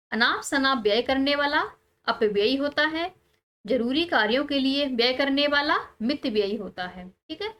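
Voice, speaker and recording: A woman teacher, calmly explaining textbook answers step by step and pausing on key words. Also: high voice.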